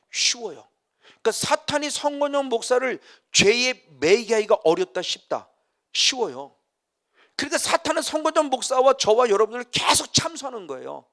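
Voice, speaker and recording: A man's voice: high-pitched, a bit bright. A middle-aged man preaching a sermon as a pastor, vividly acting out scenes and reading scripture aloud.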